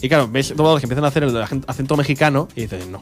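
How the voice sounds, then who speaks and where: A man's voice: medium pitch, very fast, faint music behind. A man hosting a podcast, joking as he reviews a video game's voice acting. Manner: joking, animated. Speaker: podcast host. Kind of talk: comic game review chat.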